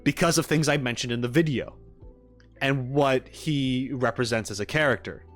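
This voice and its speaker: A man hosts a livestream as a streamer and reaction host, casually musing about a game and thinking aloud in short, informal, trailing phrases. His pitch is medium and his speed normal, with background music playing.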